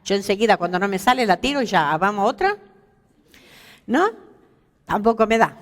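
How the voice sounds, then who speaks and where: A woman's voice: mid-range voice, moderate pace, big-room sound. A woman teaching a Bible lesson at a women's seminar, asking her listeners questions and joking about herself. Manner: lively, asks the audience questions, jokes about herself. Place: church hall.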